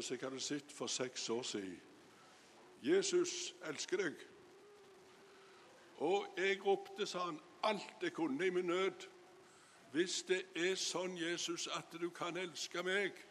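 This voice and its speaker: Man preaching in a reverberant hall. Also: on the high side. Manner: retells a story with many "he said" asides. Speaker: lay preacher. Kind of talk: sermon testimony. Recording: hall reverb, faint room noise.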